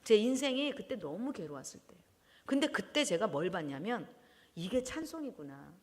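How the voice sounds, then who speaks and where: A woman preaching a sermon in a church, animated, often laughing and breaking into loud exclamations. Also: medium pitch, moderate pace. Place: church hall. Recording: long church hall reverb.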